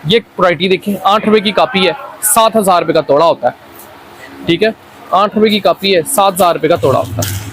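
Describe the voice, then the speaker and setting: Casting: Pakistani male trader, high voice, insistent repetitive hard-sell patter, faint background noise. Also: brisk. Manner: repeats his lines insistently. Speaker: wholesale toy seller presenting stock. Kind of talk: unscripted hard-sell product pitch.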